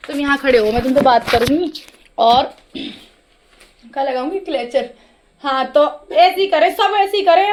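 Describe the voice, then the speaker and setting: A woman vlogging casually at home and at a village temple feast, chatting straight to her viewers. She talks in a rural dialect and drops English words in here and there. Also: very high voice.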